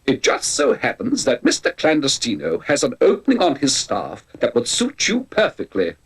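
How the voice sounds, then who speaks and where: A polite robot butler. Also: male voice, on the high side, wildly swooping pitch, moderate pace, vocal fry, slightly rough, exaggerated voice, poor audio. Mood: sly. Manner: formal, dry and dutiful, calls his master sir. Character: polite, long-suffering male robot butler.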